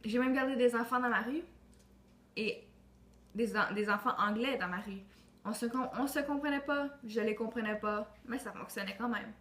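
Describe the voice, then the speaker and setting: A woman's voice: on the high side, moderate pace, a bit bright. A woman reciting an earnest, declamatory monologue for a school project, with frequent restarts. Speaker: student. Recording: roomy echo with faint ambient noise.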